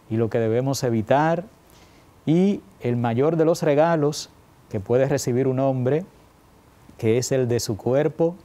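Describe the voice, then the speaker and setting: Calm male priest giving homily. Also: medium pitch. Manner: calm, reflective preaching. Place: chapel altar.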